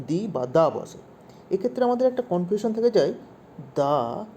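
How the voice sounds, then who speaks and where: A man's voice: high voice, mellow, a little hiss or hum. A man teaching English grammar to young pupils, asking questions and repeating the main points. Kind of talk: explaining grammar to children.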